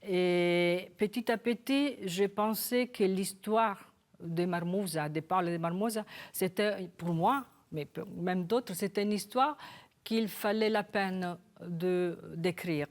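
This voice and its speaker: An Italian author with a lowish voice, a guest in a television studio, speaks French with a Roman accent during an interview that includes a read passage. She sounds hesitant, searching for words and restarting haltingly.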